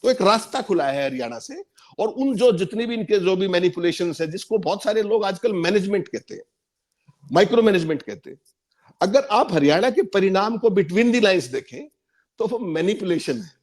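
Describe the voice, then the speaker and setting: A man's voice: high-pitched, lively intonation, moderate pace. A man giving emphatic political commentary on a panel, repeating points for stress.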